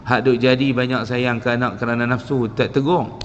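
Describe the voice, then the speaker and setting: A man giving a mosque lecture as a religious teacher, animated storytelling that acts out quoted voices. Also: mid-range voice, normal speed, a little hiss or hum. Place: mosque hall. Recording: dull lo-fi mosque recording with reverb.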